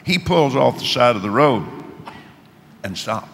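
A bright-voiced preacher with a drawl tells his story, swinging from near-shouts down to quiet asides. His voice rings through a large hall with a long echo and a faint hiss behind it. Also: measured pace, vocal fry. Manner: animated, rising to shouts, drops low for asides. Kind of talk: sermon storytelling. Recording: echoey hall with faint noise.

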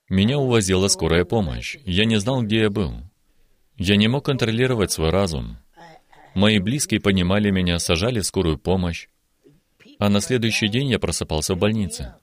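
A very low-voiced man in his eighties tells his religious testimony in slow, emphatic phrases. He speaks as a guest in a television studio, earnest and deliberate. His voice sits deep throughout. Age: 80s. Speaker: guest giving a healing testimony.

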